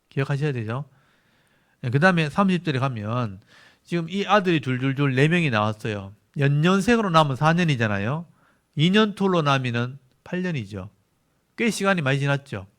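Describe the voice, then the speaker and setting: Speaking in a mid-range, slightly bright voice, a man with a Gyeongsang Korean accent teaches a sermon as a Bible lecture. This pastor takes his time explaining and stresses key words by repeating them.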